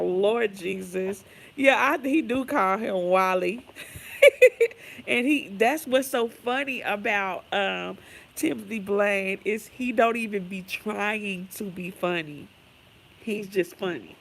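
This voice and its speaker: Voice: mid-range voice, vocal fry, a bit bright. A chatty livestream host who reads viewer comments aloud, laughs often, and drifts into gossipy tangents. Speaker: livestream host reading chat. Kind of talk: casual livestream chat.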